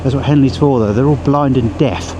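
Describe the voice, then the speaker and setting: A man's voice: medium pitch, fairly quick. A middle-aged British man chatting bluntly from inside a motorcycle helmet as he rides, giving a casual running commentary. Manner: talks from inside a helmet while riding. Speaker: motorcycle reviewer. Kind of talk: casual ride-along vlog commentary. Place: outdoors on a moving motorcycle. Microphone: helmet mic. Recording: loud wind, engine and road noise.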